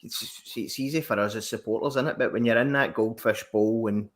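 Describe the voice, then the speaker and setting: A man's voice: fairly low pitch, fairly even intonation, brisk. A man with a Scottish accent, a podcast guest chatting casually about football, joking and laughing. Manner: jokey, swears, laughs often.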